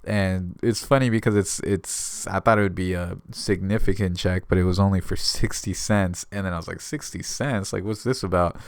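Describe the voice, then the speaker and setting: Deep and steady, this man's voice moves at a moderate pace with hardly any pauses, captured at studio quality with no echo. An American from the San Diego area, he's a notary giving casual instructional vlog advice, explaining by retelling conversations he's had.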